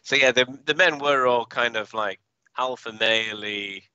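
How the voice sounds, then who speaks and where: Bright, dry-sounding man chatting on a podcast. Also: medium pitch, unhurried, clear, resonant tone, no room sound. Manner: easygoing, laughs often. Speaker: podcast co-host. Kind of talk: casual chat. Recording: dry, dull lo-fi podcast audio.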